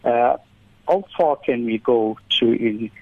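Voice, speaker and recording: A man's voice: medium pitch, slow, dry recording. A man calling a radio show over the phone, speaking politely as he asks his question. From South Africa. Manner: polite, courteous. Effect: heard over the phone. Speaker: caller. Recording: dry, tinny phone line.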